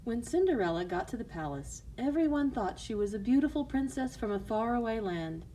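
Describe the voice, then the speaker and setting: Female storyteller, fairy tale narration, expressive lively pitch, faint background noise. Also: fairly quick, rough recording.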